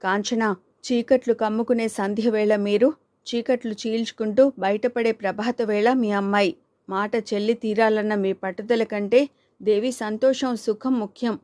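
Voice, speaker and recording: Woman reading stern middle-aged mother, measured, firm, mellow tone, audiobook. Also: mid-range voice, steady tone, no echo, lightly acted.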